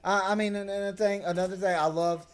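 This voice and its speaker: A man hosting a casual wrestling podcast, excitable and quick to react, swearing freely. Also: high voice, smooth. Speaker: podcast host.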